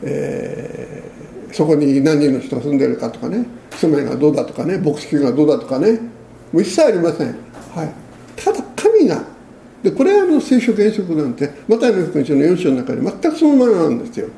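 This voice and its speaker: A man's voice: fairly high pitch, very animated, fast, gravelly, warm tone, reverberant, a little hiss or hum. A man preaching a sermon as a pastor, in a conversational way, often ending phrases with tag questions.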